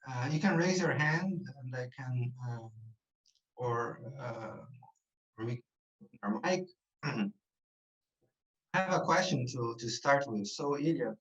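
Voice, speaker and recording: A man's voice: mid-range voice, animated, slow, pauses often, a bit bright. Man moderating a conference Q&A. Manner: inquisitive, methodical questioning. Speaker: session chair and moderator. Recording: muffled, fluctuating video-call audio.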